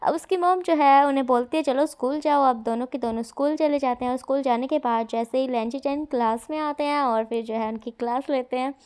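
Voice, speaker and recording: A woman's voice: sits high, a little fast, hardly any pauses, darkish tone, clear, resonant tone. A woman retelling a fan fiction story in a casual, chatty way. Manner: chatty, conversational filler-heavy retelling.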